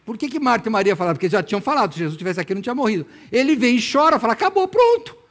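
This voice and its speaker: Brazilian pastor in his sixties, high voice. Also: very fast. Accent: Brazilian Portuguese. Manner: lively storytelling, acting out imagined dialogue with humor. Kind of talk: sermon. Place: church, evening service.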